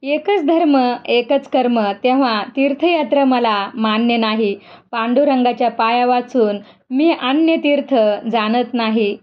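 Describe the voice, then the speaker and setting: A woman's voice: fairly high pitch, measured pace, highs cut off, close to an everyday voice. A woman voicing a young male devotee, emotional and tearful, pleading and asking questions. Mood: earnest.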